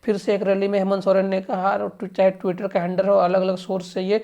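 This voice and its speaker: Here a woman talks fairly quickly in a medium-pitched, dark voice with a completely flat delivery. As a news commentator, she directly addresses the government in informal political commentary and explanation, stressing and restating her arguments.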